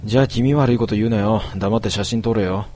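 A man playing a rough young man who talks in blunt, gruff slang. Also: on the low side, quick pace, warm tone, slight background noise, lightly acted.

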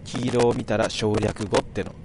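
A man's voice: on the low side, fairly even intonation, normal speed, natural voice. A man reading aloud, voicing an eager, good-natured young friend, with vehicle noise behind. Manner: eager, lifted voice; mock-refined Kyoto lady tone when teasing.

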